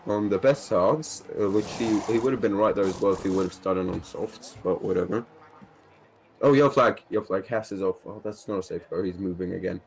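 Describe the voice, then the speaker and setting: A man with a lowish voice calls a sim race in a loose, chatty way. He laughs easily and jumps on crashes and flags with sudden excitement. Faint ambience sits under the voice. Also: fairly quick, vocal fry, slight background noise. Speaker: sim racing commentator. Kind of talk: casual race commentary.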